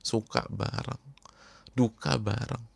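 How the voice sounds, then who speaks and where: A man preaching a sermon to a congregation, speaking emphatically and repeating key words, often dropping to hushed tones. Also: mid-range voice, fairly even intonation, slow pace, vocal fry, breathy edge. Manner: addresses the congregation directly. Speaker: Islamic preacher.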